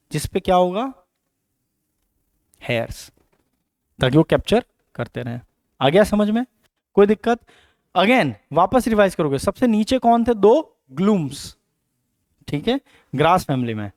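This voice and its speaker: A man teaches biology in a high, lively voice that leaps up and down as he asks and answers his own questions. The sound is close and dry, with no room around it. He drills key terms by repeating them. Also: dry recording. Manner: explains with questions and repetitions, Hinglish mix. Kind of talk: exam coaching lecture.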